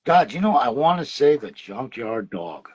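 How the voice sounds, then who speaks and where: A man's voice: medium pitch, big pitch swings, normal speed, darkish tone, slightly rough. A middle-aged man, telling stories as an interview guest in a loose, rambling way, laughing often and full of fillers. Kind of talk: casual storytelling interview. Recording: dull lo-fi sound.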